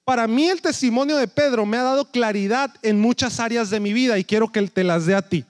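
A man's voice: very high voice, fairly quick, no room sound, studio quality. A man, a pastor preaching a sermon in a conversational storytelling way that keeps checking in with his listeners.

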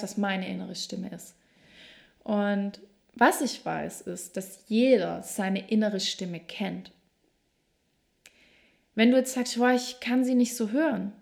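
A woman hosting a self-help podcast, talking straight to the listener in a reflective monologue, slow and emphatic in places. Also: medium pitch, creaky, darkish tone. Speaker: podcast host.

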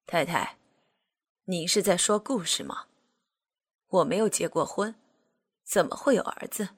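A woman's voice: lowish voice, measured pace, husky. A woman doing a cold, sneering male official. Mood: dismissive. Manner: aloof, sneering, curt. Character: cold dismissive male official, middle-aged. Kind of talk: audiobook character voice.

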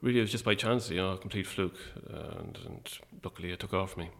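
A man with an Irish midlands accent talking casually and a little hesitantly as an interview guest, in a low-key, wry way. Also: quick pace. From Longford, Irish midlands.

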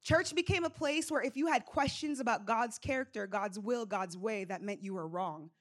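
A young adult woman from Jamaica, a church elder, sharing her testimony in a relaxed, conversational way with frequent fillers. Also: a little high, normal speed. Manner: conversational, rocking back and forth, frequent fillers. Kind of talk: sermon testimony. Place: church service.

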